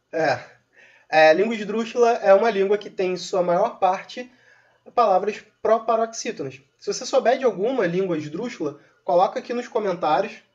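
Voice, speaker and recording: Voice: medium pitch, darkish tone. A teacher, patiently explaining a recorded grammar lesson with informal asides to viewers. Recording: dull lo-fi recording.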